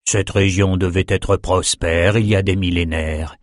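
A man voicing a gruff, teasing old male wizard in an audiobook. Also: deep voice, steady tone, measured pace, no room sound, clean studio sound, voice pushed down. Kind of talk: audiobook character voice.

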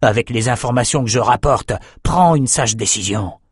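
A man doing a proud, steady raider captain. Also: medium pitch, moderate pace, husky, dry recording, studio quality, natural voice. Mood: earnest. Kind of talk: audiobook character voice.

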